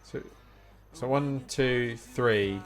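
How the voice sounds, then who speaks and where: Streaming a game, a medium-pitched man chats casually and very slowly, thinking aloud, asking questions and reading menu items out as he goes. Guitar music plays behind him.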